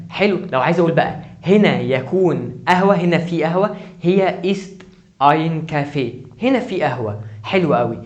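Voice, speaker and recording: A man's voice: on the high side, lo-fi sound. A man with an Egyptian Arabic accent teaching a German grammar lesson online, urging the viewer again and again to focus. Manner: urgent, repeatedly asks the viewer to focus.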